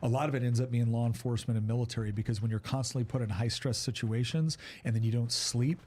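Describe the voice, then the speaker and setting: A man's voice: mid-range voice, steady tone, fast talker, warm tone. A middle-aged man giving marriage advice in a casual podcast chat, earnest and rambling with many restarts.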